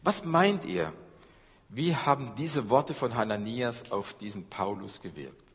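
A middle-aged man delivers a sermon in an earnest preaching manner, rising to loud emphasis and then dropping to hushed, low passages. His voice sits at an ordinary pitch. A long reverb from the church hall trails after every phrase. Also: lively intonation, unhurried. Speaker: pastor.

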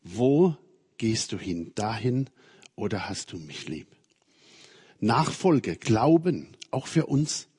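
A man preaching a sermon, moving between loud emphatic passages and very soft, quiet phrases. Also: fairly low pitch, big pitch swings, slow pace, pauses often, a little hiss or hum. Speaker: preacher, member of a religious community.

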